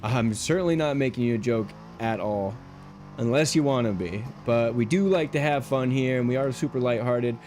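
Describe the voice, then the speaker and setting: Heard over a livestream headset mic, this man talks at a moderate pace in a medium-pitched, darkish voice while faint music plays behind him. He games and rambles easily to his viewers, relaxed and dropping plenty of fillers along the way.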